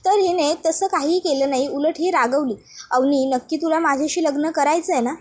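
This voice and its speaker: A woman voicing a smooth-talking young man defending himself to his fiancée's family. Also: sits high, fairly quick, close to an everyday voice. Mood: defensive. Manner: defensive, wheedling.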